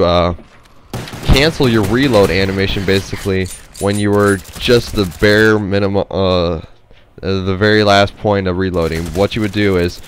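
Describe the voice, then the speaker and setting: Slight background noise accompanies a man whose voice sits on the low side. He's a gameplay commentator doing loose, unscripted, rambling commentary, hesitant and nasal from a stuffy head cold.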